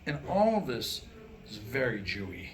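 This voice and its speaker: With a lowish, sing-song voice and a crowd audible behind him, an American man reads his newly written comic monologue at a small live staged reading. He plays it wry and self-deprecating, pausing on purpose around punchlines, in a noisy room recording.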